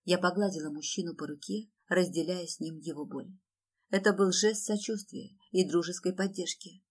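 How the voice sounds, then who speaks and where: A woman's voice: fairly low pitch, normal speed, a little mellow. A woman reading a novel aloud in the first person, with dramatic delivery. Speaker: audiobook narrator.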